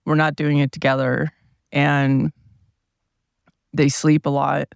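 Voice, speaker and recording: A man with a gravelly, groggy morning voice rambles through a casual solo podcast, seated at a table in a parked RV. His pitch sits a touch high for a man but hardly moves, and the sound is close and dry with no room around it. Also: slow pace, dry recording, highs cut off. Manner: meandering, relaxed, thinking aloud with many asides. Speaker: podcast host. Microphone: small mic powered by a tablet.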